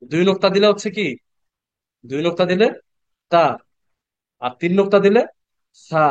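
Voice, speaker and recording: A man teaching Quran reading in an online class, patiently repeating letter sounds slowly and asking the class questions. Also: high voice, no room sound, dull audio. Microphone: computer mic on a video call.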